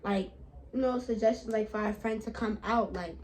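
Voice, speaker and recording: A woman's voice: mid-range voice, normal speed, darkish tone, a little hiss or hum, low-quality recording. A young woman, telling a trip story in slangy casual chat with many asides to viewers. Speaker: vlogger.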